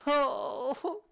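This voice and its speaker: A man voicing a tearful young girl healer who breaks into high, cracking sobs. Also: no room sound, clean studio sound. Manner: sobbing, high cracking squeals. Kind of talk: amateur video game fan dub.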